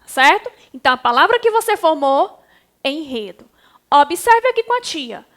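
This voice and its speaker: This primary school teacher, a Brazilian woman, has a high, very animated voice with a fairly bright tone and moderate pace. She guides her young pupils step by step, patient and affectionate, in a Brazilian Portuguese accent.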